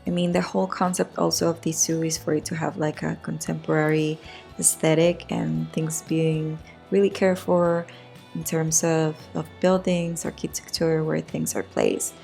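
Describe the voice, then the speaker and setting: Low, raspy woman narrating over music. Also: flat delivery, moderate pace, mellow. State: raspy voice today. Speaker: video game build narrator. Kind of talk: casual voice-over commentary on a game build. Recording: music behind the voice. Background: background music.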